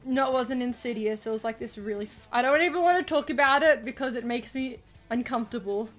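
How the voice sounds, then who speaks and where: A woman's voice: a little high, brisk, soft background music. A woman chatting casually with her livestream viewers in a giggly, informal way, with some casual swearing.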